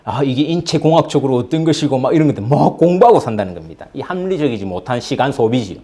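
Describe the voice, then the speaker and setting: A male pastor giving a Sunday sermon in a conversational, animated way, acting out little everyday scenes. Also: medium pitch, fast talker. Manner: conversational, animated preaching with acted-out asides. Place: church in London.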